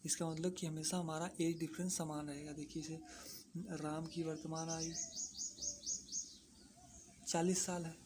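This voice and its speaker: A maths teacher walks students through a lesson in an even, unvaried tone. They go over each step twice, asking a question and answering it themselves. Faint birdsong and low background noise sit behind the voice. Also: a little slow, pauses often. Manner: repeats points, asks and answers own questions. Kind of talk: explaining a lesson to exam students.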